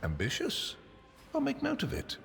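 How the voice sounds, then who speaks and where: Cold, pious, accusing game inquisitor: insinuating, widely varied intonation, long reverb on the voice. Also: male voice, very high voice, huge pitch swings, normal speed, creaky, a bit bright, exaggerated voice. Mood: sardonic suspicion. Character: cold, pious, accusing Lord Inquisitor, suave male interrogator. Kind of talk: video game voice acting. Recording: long reverb, music behind.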